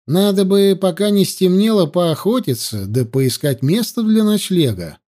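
A man's voice: high voice, expressive, unhurried, dark tone. A man voicing a young noble warrior. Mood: practical. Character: young noble male warrior, resolute but hungry.

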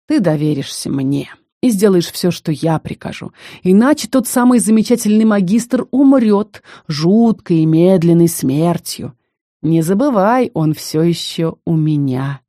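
A woman's voice: on the low side, lively intonation, a little slow, dark tone, dry recording, studio quality. A woman reading the part of a cruel, scheming male necromancer who speaks in a mocking, coaxing way. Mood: threatening.

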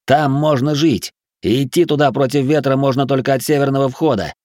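A man's voice: mid-range voice, steady tone, a little fast, a little mellow, dry recording, studio quality, pitched above the performer's own voice, natural voice. A man voicing the first-person hero of an audiobook, speaking urgently and insistently. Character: determined young man, urgent leader.

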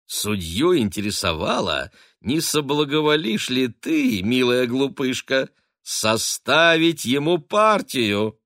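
Effusive matchmaking mistress, high and lively, read by a man. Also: slow pace, no room sound, clean studio sound. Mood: excited gushing. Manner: effusive, fussy, teasing. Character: gushing middle-aged lady, matchmaking mistress.

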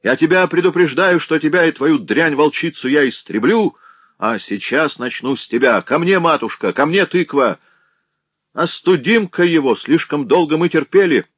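A man voicing a violent, drunken young man who yells in rage. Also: lowish voice, unhurried, hardly any pauses, dry recording, lightly acted. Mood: furious. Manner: yelling, furious.

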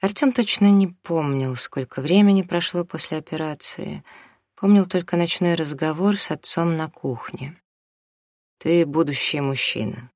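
A narrator reading a story as an audiobook in a steady, measured way. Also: medium pitch, no echo, clean studio sound.

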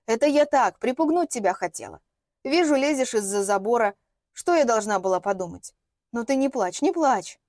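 A woman's voice: a little high, lively intonation, moderate pace, darkish tone, no room sound, clean studio sound, lightly acted. A woman reading an audiobook, voicing a stern middle-aged woman who walks her dog and barks orders. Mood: soothing. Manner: barking, bossy, turning fussily kind.

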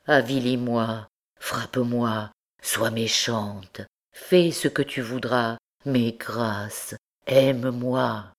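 A woman reading an audiobook, voicing an obsessed older priest who pleads in hushed, breathless tones. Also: very deep voice, fairly even intonation, drawn-out words, full character voice. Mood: pleading.

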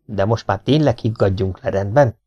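A man voicing a flustered man who shouts, trying to stop a family argument. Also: lowish voice, dry recording, lightly acted. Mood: shouting. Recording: dull lo-fi recording.

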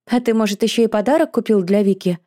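A woman voicing an impulsive, emotional young woman who speaks up loudly and complains in an audiobook. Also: medium pitch, fast talker, dry recording, studio quality, pitched above the performer's own voice, lightly acted. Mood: excitable. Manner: excitable, complaining, raised voice.

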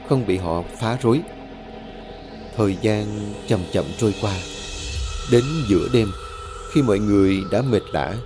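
A man telling a scripted horror story with dramatic, tense delivery. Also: lowish voice. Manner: dramatic, tense storytelling with rising and falling intensity. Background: faint background music.

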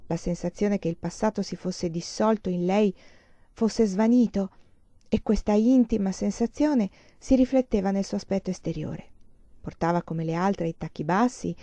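A woman reading a novel aloud in a calm, measured way, on a slightly dull lo-fi recording. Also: medium pitch, no echo. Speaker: audiobook reader. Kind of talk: literary audiobook narration.

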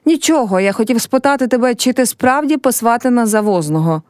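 A woman's voice: fairly high pitch, expressive, a little fast, a little mellow, dry recording, clean studio sound, natural voice. A woman reading a play aloud and voicing a teasing, scheming young village man.

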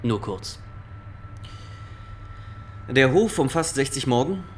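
In a German radio drama, an actor with a mid-range voice plays a stiff, officious young male inspector, speaking slowly and expressively. He questions people in a formal, pedantic, insistent, probing way. There is slight background noise.

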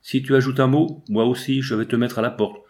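A man's voice: medium pitch, fairly even intonation, fairly quick, darkish tone, close to an everyday voice. A man reading a stern, busy male painter who scolds firmly. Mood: irritated. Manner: firm and scolding.

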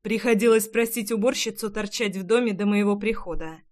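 A woman narrating a first-person audiobook in a lively, expressive way. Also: medium pitch, brisk.

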